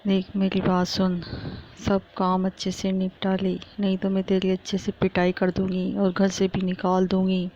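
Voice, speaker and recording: A woman's voice: medium pitch, completely flat delivery, normal speed, mellow, a little hiss or hum, natural voice. A woman voicing a cruel stepmother who scolds and threatens a young girl, on a muffled lo-fi recording. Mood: harsh scolding.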